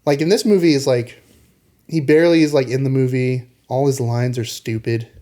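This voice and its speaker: A man's voice: medium pitch, steady tone, mellow. A young adult man co-hosting a podcast, wryly picking at a movie and mimicking its lines. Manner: wry, quick to mock with put-on voices. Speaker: podcast co-host. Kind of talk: casual movie discussion.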